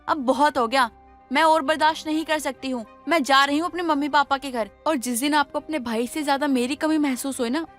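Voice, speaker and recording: A woman's voice: high voice, fairly bright tone. A woman voicing a fed-up young wife. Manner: exasperated, complaining. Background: background music.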